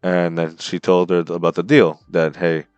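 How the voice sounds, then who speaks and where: A man co-hosting a podcast, casually retelling story scenes in an animated way. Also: sits low, moderate pace, clean tone, no room sound, muffled recording, faint music behind. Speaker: podcast co-host. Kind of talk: casual chat.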